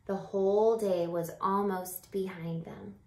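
Reading aloud to young children like a teacher, a thirtyish woman with a medium-pitched voice stretches out her words, whispers softly at moments, and speaks directly to her audience. Her delivery is lively and unhurried. She sits in a small room by a window, and the camera mic gives the sound a roomy echo.

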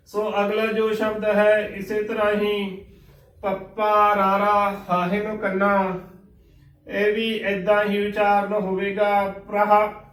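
A high-voiced man with a Punjabi accent gives a slow, careful pronunciation lesson, spelling each word out and repeating it. His delivery stays level and even in pitch, and his voice rings a little in an echoey room, a bit away from the mic. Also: distant mic. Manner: patient, spells words letter by letter and repeats the correct form. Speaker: Gurbani pronunciation teacher. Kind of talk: recorded instructional lesson.

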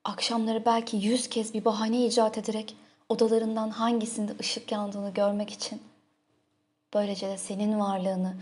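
A woman narrating a literary audiobook in a soft, intimate, emotive manner. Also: medium pitch.

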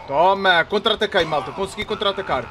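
A young man with a European Portuguese accent giving excitable, trash-talking commentary while playing a wrestling game. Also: high voice, a little fast, over music. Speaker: gaming YouTuber. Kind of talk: live gameplay commentary.

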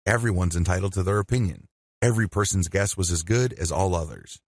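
A man giving scripted instructional narration as a meditation teacher, speaking in a measured, deliberate way. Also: deep voice, dry recording, clean studio sound.

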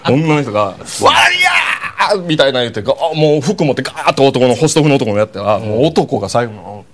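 A man with a Kansai accent telling a comic story, animated and acting out the people in it. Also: medium pitch, fast, a little hiss or hum. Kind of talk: comic anecdote.

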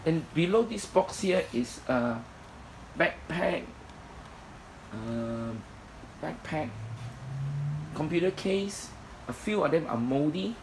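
Man, matter-of-fact seller, fry in the voice, faint background noise. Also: a little high, expressive, slow pace, long pauses, a little mellow, low-quality recording. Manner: plain, matter-of-fact listing with many fillers. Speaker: storage unit seller. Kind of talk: walkthrough commentary. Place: indoor storage unit. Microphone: phone camera held in hand.

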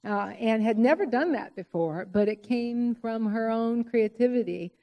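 A woman presenting at a conference, guiding the story in a lively way with many fillers. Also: a little high, measured pace. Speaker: co-presenter and moderator. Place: lecture hall. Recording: hall reverb.

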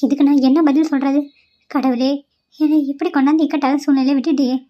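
A woman's voice: high voice, fairly even intonation, fast, muffled recording, natural voice. A woman voicing a worried young mother in a cartoon, anxious and fretful about her son.

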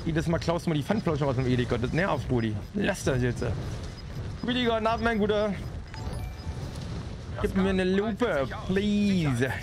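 A young man livestreaming a shooter game, talking in slang, greeting viewers and getting excited at the action. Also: a little high, a little fast. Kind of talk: live gameplay commentary. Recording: game sounds and noise behind. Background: game sound effects, vehicle noise.

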